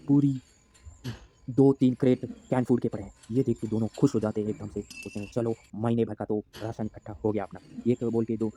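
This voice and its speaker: Fast-talking male storyteller with a dark voice. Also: mid-range voice, slight background noise. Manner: fast, chatty, with restarts. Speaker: YouTube storyteller. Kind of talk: casual story narration.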